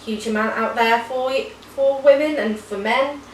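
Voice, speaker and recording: A woman's voice: fairly high pitch, moderate pace. A woman in her thirties from the UK, a nurse co-hosting a casual chat, explaining things in friendly detail. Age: 30s. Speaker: co-host, nurse. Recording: roomy, distant camera with faint hiss.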